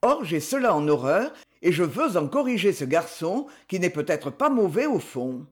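A woman reading the part of a stern, self-possessed young man who disciplines his cousin, firm and measured. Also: fairly low pitch, big pitch swings. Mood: explaining. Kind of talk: audiobook novel reading.

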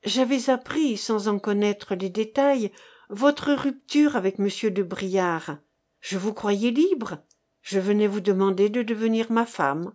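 A woman reading the lines of an earnest, scheming man who courts a grieving young woman, in a soft, pleading, urgent voice. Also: medium pitch, unhurried, close to an everyday voice. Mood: persuasive. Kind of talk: audiobook reading.

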